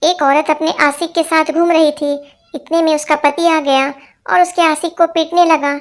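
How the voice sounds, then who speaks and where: A woman reading a string of short jokes aloud as scripted narration, giving every part in one even voice. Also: high-pitched, normal speed.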